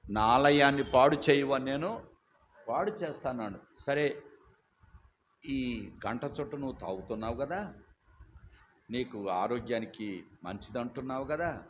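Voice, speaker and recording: An older man, preaching a sermon with loud, emphatic storytelling. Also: medium pitch. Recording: dull lo-fi recording with faint hiss.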